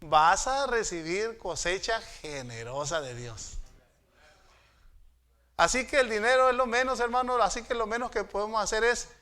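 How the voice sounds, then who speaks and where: High, bright-voiced preaching man. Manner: storytelling, swinging between hushed asides and raised exhortations. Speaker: pastor. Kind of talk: sermon. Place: church sanctuary.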